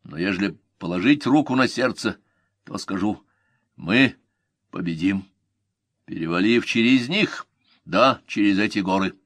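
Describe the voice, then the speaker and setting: A man voicing a loyal ancient cavalry commander who speaks in a measured, reflective way, in an audiobook. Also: on the low side, lively intonation, a bit bright, no echo, studio quality, exaggerated voice. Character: thoughtful male cavalry commander, blunt and loyal.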